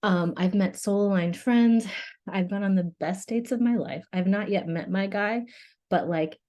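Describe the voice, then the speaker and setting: During her webinar, a young adult woman coach talks candidly and emotionally, often laughing and sometimes tearing up. She speaks at a measured pace in a warm, mid-range voice.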